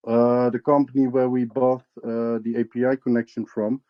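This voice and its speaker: A man's voice: mid-range voice, level tone, normal speed, no echo, muffled recording. A man representing a crypto project, answering interview questions hesitantly with many fillers and restarts.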